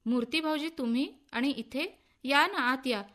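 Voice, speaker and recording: A woman's voice: high-pitched, unhurried, fairly bright tone. Woman reading as a sweet, polite young wife. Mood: welcoming. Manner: polite, welcoming.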